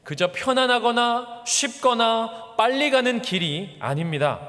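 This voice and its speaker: A male pastor delivering an earnest sermon, his voice swinging between raised emphasis and quiet low endings. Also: expressive, unhurried, big-room sound. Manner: earnest preaching with wide swings in pitch and loudness. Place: church sanctuary.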